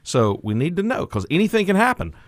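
A man's voice: high-pitched, sing-song, fast talker, no echo, studio quality. A man working as a retirement income advisor, explaining investment buckets on a financial talk show.

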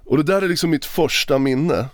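Man telling a halting, emotional story. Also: fairly high pitch, dry recording, studio quality. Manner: halting, emotional, many restarts. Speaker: podcast guest. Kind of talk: personal storytelling in a podcast interview. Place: podcast recording session.

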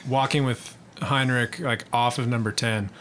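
A man's voice: medium pitch, steady tone, normal speed, fairly bright tone, slight background noise. A man in casual chat who chimes in eagerly and laughs while recalling a round of golf.

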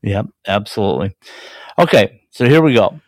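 A man co-hosting a hockey talk show, chatting in a relaxed way with lots of fillers. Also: on the low side, moderate pace, no echo. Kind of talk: casual sports chat.

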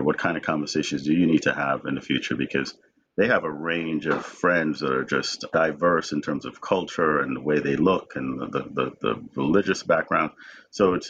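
A man in his forties, originally from Jamaica, talks as an interview guest with a very low, deep voice. He is reflective and stumbles over repeated words as he begins his thoughts. The recording sounds dull and lo-fi. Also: fairly bright tone, a little hiss or hum. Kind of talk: conversational interview.

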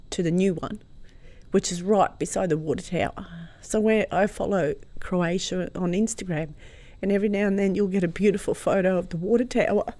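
A middle-aged woman with an Australian accent, a guest telling a personal story in an animated, warm way. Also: medium pitch.

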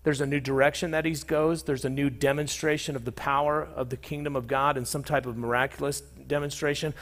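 Conversational man preaching a sermon. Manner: conversational preaching with frequent fillers and restarts; acts out quoted voices with sudden pitch jumps. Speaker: pastor.

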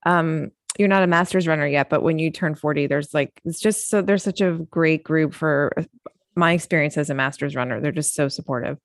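A woman in her forties hosting a running podcast and coaching athletes, speaking in a friendly, measured way. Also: deep voice, no room sound. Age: 40s. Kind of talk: casual podcast interview.

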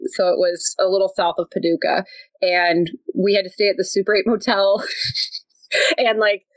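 A woman tells a story in a casual, chatty way, laughing often and filling gaps with "like". Her voice sits in a middle pitch. The sound is dry and close. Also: little pitch movement, moderate pace, no echo, poor audio. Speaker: podcast guest.

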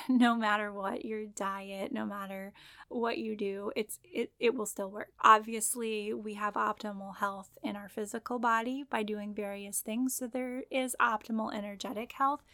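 A woman's voice: medium pitch, steady tone, measured pace, fairly bright tone, no echo, studio quality. A woman meditation guide talking casually and explaining things to listeners in an easygoing, conversational way.

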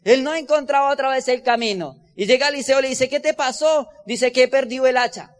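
A man giving an emphatic motivational convention speech, telling stories and building up his points slowly. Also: very high voice, long reverb tail. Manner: preachy, storytelling, emphatic slow build-ups. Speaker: motivational business speaker. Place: large convention hall.

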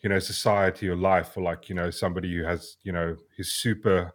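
A man co-hosting a podcast, chatting casually with sarcasm, frequent laughs and halting restarts. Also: sits low, flat delivery. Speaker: podcast co-host.

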